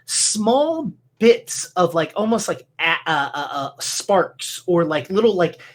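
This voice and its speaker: A man improvising tabletop game narration as game master, halting as he searches for words. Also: a little high.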